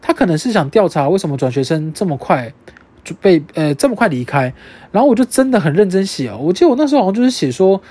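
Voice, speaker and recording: A young adult podcast host with a Taiwanese Mandarin accent, telling a story in casual chat, animated and swearing freely. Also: medium pitch, fast, slightly rough.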